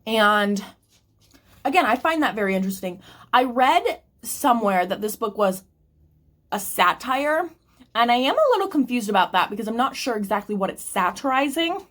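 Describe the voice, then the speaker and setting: A woman's voice: fairly high pitch, sing-song, moderate pace, a bit bright. A woman book vlogger chatting casually to camera and thinking aloud with restarts, eating snacks between sentences. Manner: eating snacks while talking.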